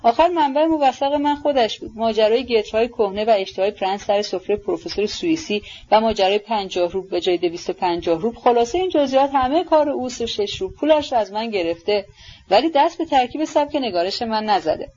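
A woman reading the lines of a proud, blustering young writer in an audiobook, loud and declamatory. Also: a little high, lively intonation. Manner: loud, declamatory self-justifying. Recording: dull lo-fi audiobook recording.

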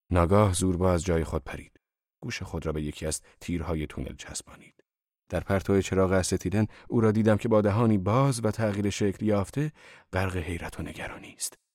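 Low-voiced man narrating an audiobook. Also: no room sound, studio quality. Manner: steady, measured storytelling. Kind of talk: scripted literary narration.

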